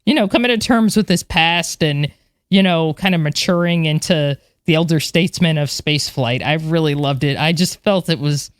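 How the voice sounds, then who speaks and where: Chatty woman with a smooth voice. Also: sits low, moderate pace, dry recording, clean studio sound. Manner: chatty, animated, many fillers and restarts. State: moved, a little emotional. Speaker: podcast co-host, space history enthusiast. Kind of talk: casual chat.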